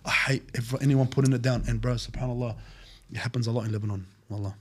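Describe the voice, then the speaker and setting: A man's voice: medium pitch, steady tone, quick pace, husky. A man telling a personal story in a casual chat, peppering it with Arabic phrases and "bro".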